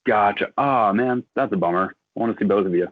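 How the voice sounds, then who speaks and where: A man's voice: lowish voice, brisk, dry recording. An American man chatting casually as a guest over a laptop video call, easygoing and saying dude a lot. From United States. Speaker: guest musician. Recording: tinny phone-like call audio.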